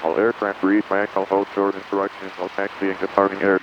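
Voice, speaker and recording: Low-voiced man on airport weather broadcast. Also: brisk. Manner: flat recited airport weather and runway report. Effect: airport weather broadcast heard over aircraft radio. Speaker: automated airport information broadcast. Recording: muffled aircraft radio under engine noise.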